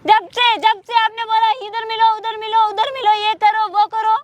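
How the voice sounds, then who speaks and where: A woman's voice: extremely high pitch, level tone, normal speed, highs cut off. A young actress playing a newly married woman who pleads to be left alone, in a short-film drama. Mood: pleading. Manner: pleading, protesting.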